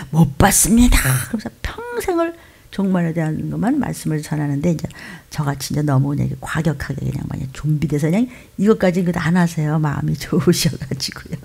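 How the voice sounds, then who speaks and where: A woman pastor preaching a sermon with emphatic delivery, jumping from loud exclamations to hushed whispers. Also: fairly low pitch, vocal fry, husky.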